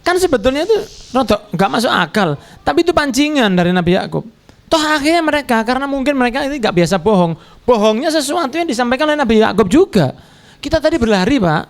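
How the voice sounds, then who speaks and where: A man delivers a storytelling sermon. He slips into the characters' voices, and his pitch jumps up and down as he does. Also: big pitch swings, quick pace. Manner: acts out characters' lines with shifting pitch. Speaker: preacher.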